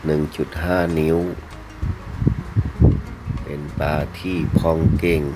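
A man narrates a sales video in a very deep voice. He takes his time, speaking politely in short, separated phrases with little melodic movement. Music plays behind him. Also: flat delivery, takes it slowly, rough recording. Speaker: fish seller presenting betta fish for sale.

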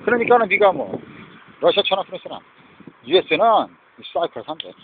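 A man's voice: high voice, very animated, quick pace. A man talking in a rambling monologue from inside a moving vehicle, switching between Korean and English phrases. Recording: tinny lo-fi with loud vehicle noise.

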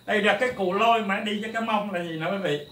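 A man teaching a drum lesson, lecturing bluntly and rambling, counting beats out loud. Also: sits high, rapid-fire, slight background noise. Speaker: music teacher. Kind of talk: drum lesson, talking to camera. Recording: echoey room, mic at a distance. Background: faint drums and music.

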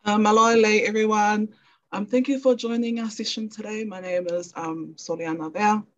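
Halting young New woman. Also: mid-range voice, steady tone, muffled recording. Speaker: research librarian introducing a guest. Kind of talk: semi-formal introduction read from notes. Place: indoors on a video call.

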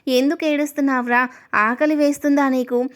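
Gentle patient young husband, read by a woman. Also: sits high, steady tone, normal speed, natural voice.

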